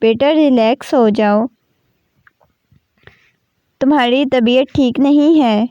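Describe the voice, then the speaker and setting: A woman voicing a gentle, worried mother-in-law who speaks softly and reassuringly in a storybook reading. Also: high voice, clean tone, dry recording, highs cut off, natural voice. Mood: soothing. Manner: soft, reassuring.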